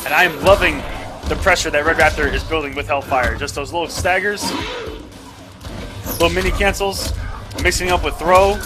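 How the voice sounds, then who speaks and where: Man, high voice, esports commentator, live fighting game commentary, clear music in background. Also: normal speed, long pauses. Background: music and game audio.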